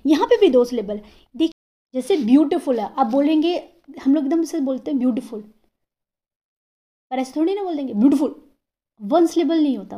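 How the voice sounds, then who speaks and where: Woman teacher, high-pitched voice, warm and mellow tone, patient step-by-step grammar lesson, sounds out words slowly. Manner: explains patiently, repeats example words slowly syllable by syllable; checks in with the listener often. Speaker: English teacher. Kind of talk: classroom-style grammar lesson.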